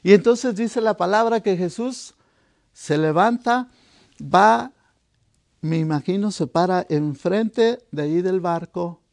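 A man with a high voice preaches in a slow, drawn-out delivery. He tells the story with drama, dropping to a hush and then rising to a shout as he acts out the voices. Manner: dramatic, acting out the disciples' voices; swings from hushed to shouted. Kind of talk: sermon.

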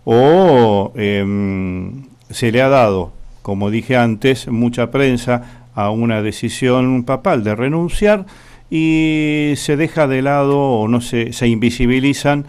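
A man with an Argentine accent hosting a radio talk show, unhurried and searching for words with frequent fillers. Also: mid-range voice, a little mellow, smooth. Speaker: radio host.

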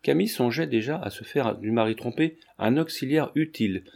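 A man narrating a classic novel aloud in an even, measured storytelling manner. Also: mid-range voice, vocal fry. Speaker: audiobook narrator. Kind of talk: scripted narration.

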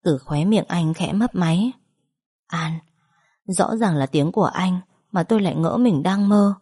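A woman reads an emotional first-person story in a soft, feeling voice. Her tone is low and mellow, with a dark, warm color. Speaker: audiobook narrator.

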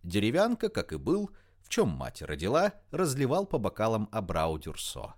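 A man narrating an audiobook with expressive, lively storytelling. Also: on the low side, normal speed.

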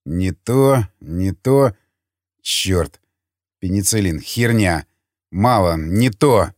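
A man voicing a calm, commanding seasoned scavenger who speaks tersely and bluntly. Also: deep voice, very slow, no room sound, studio quality, voice pushed down, exaggerated voice. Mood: stern. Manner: terse, blunt, matter-of-fact.

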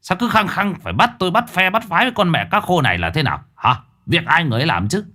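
A man's voice: fairly low pitch, expressive, brisk, a bit bright. A man voicing a defensive older male gambler who blusters back in arguments. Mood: bickering. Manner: blustering, retorts.

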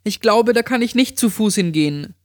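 A man's voice: high-pitched, lively intonation, moderate pace, no room sound, studio quality, voice pushed up. A man voicing a cheerful, slightly tipsy young woman calling a friend on the phone. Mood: bubbly. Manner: bubbly, a little tipsy.

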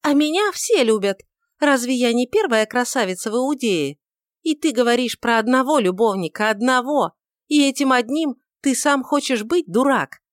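A woman voicing a proud, quick-tempered young beauty who talks in a mocking, defiant way, on a dry recording. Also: fairly high pitch, animated, dry recording, pitched above the performer's own voice, natural voice. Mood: scornful.

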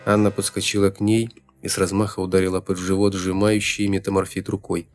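A man reading an audiobook as narrator in a steady, dramatic way, with music behind him. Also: low voice, brisk. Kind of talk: scripted narration.

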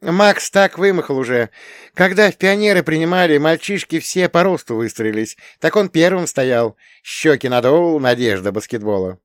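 Gushing excitable young sister voiced by a man, high voice, lively swings. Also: moderate pace, no room sound, clean studio sound, close to an everyday voice. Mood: chatty. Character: chatty emotional young woman, the sister.

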